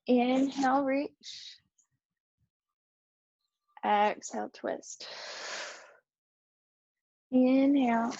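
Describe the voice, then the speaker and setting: A woman instructor calmly guiding a gentle yoga class, cueing each breath and movement. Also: a little high, unhurried, dry recording, muffled recording.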